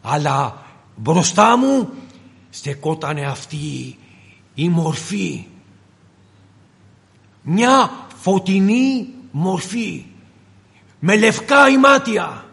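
A man with a high voice preaches in a meeting hall, his words trailing off into a long, ringing reverb. He tells a personal story, slows down for dramatic pauses and repeats key phrases to build the sermon. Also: lively intonation, vocal fry, a bit bright.

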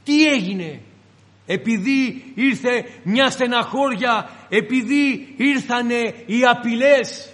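A man's voice: very high voice, fairly bright tone. A man preaching a sermon, retelling scripture as dramatic storytelling with acted-out voices. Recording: long reverb of a large hall.

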